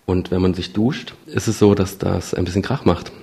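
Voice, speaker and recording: A man, a dentist, gently explaining his tools to a child in simple, reassuring words. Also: low-pitched, steady tone, moderate pace, creaky.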